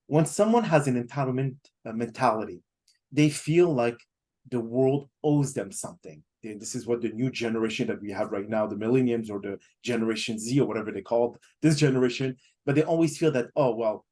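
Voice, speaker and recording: A man's voice: mid-range voice, a little mellow. A man hosting a podcast, talking at length with many fillers and restarts as he sets up a question. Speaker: podcast host. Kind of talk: casual interview talk.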